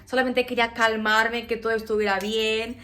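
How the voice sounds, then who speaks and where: High-voiced Mexican woman telling a story. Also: normal speed, slight background noise. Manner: animated, chatty, checks in with viewers. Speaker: vlogger. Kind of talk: casual storytime.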